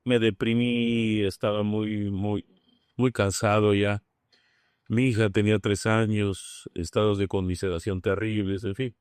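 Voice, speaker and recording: A man's voice: on the low side, little pitch movement, unhurried, a little mellow, clear, resonant tone, no echo, clean studio sound. Frank Mexican man, slangy storyteller. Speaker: guest, member of Alcoholics Anonymous. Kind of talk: personal recovery testimony in a podcast conversation.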